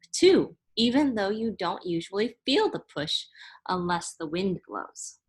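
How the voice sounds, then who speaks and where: Sounding like a teacher, a woman reads from a children's book at a slow, deliberate pace in a mid-range voice with a fairly bright tone. She is instructive, carefully spelling out and explaining each term for young listeners.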